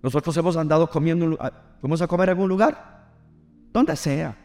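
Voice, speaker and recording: Man, middle-aged, pastor preaching, high voice, call-and-response. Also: brisk, darkish tone, faint music behind. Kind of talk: sermon.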